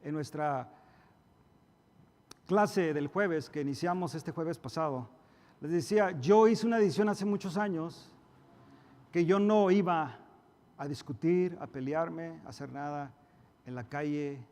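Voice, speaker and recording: A male pastor preaching a sermon, emphatic, acting out quarrels in a raised voice and dropping to soft asides. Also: fairly high pitch, measured pace, long pauses. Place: church hall. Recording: reverberant church hall.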